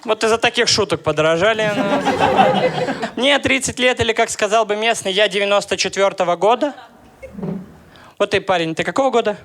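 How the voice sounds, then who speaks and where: A man in his thirties from Russia, performing a stand-up comedy set with deadpan, ironic jokes and crowd work. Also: high voice, brisk, long pauses, noisy background. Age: 30s.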